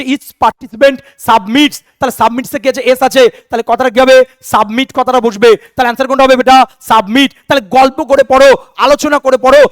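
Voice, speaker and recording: A man's voice: extremely high pitch, no echo. A middle-aged man teaching an exam-prep English class, drilling rules with rhetorical questions and repetition. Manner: slows to spell out example sentences. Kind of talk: recorded online class lecture.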